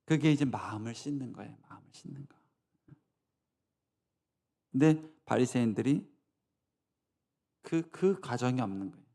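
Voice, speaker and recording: A man's voice: mid-range voice, animated, normal speed, creaky, long pauses, warm tone. A male pastor preaching a sermon in a church, emphatic, often tossing rhetorical asides to the congregation.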